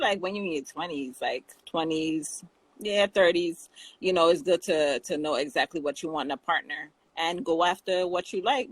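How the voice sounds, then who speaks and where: A woman's voice: low voice, husky, no room sound, rough recording. Laughing Jamaican woman in casual chat. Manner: chatty, laughs often, many restarts.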